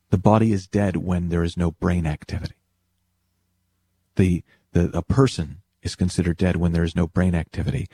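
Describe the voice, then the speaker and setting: A man's voice: deep voice, warm tone, slightly rough, no room sound. A man giving an explanatory motivational talk, speaking to the listener directly with emphatic phrasing and rhetorical questions. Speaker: speaker teaching spiritual principles.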